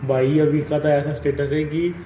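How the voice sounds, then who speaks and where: A college student and fitness vlogger in his twenties films around his college building and gym, joking and chatting with viewers in a casual vlog. His slightly high, dark voice stays fairly level at a normal speed, with slight background noise, echoey rooms, and music behind.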